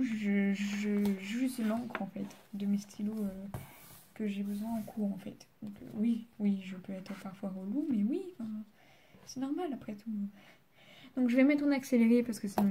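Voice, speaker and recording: With a mellow, mid-range voice, this student vlogger is a teenage girl from France doing her homework on camera. Her casual chat is full of fillers and occasionally drops to a murmur, over slight background noise.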